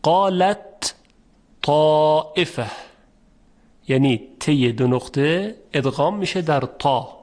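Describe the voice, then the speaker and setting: A man teaching a lesson on recitation rules, patiently explaining step by step and repeating each example slowly. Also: medium pitch, animated, a little mellow. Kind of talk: formal spoken lesson.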